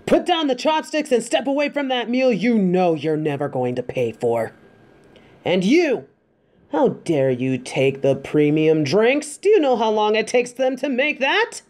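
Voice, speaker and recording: Woman playing mellow-voiced Master Tigress, composed kung fu tigress. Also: a little high, big pitch swings. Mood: commanding. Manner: measured, composed, speaking directly to the listener. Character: stern, warm-hearted female tiger kung fu master. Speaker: voice actor in a fan roleplay audio. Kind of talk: scripted roleplay addressed to the listener.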